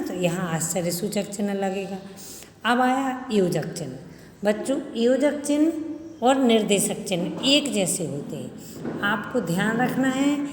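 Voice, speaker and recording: A woman's voice: fairly high pitch, darkish tone. A woman teacher giving a grammar lesson to young pupils, explaining step by step and asking questions she answers herself. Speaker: school teacher. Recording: echoey room with long reverb.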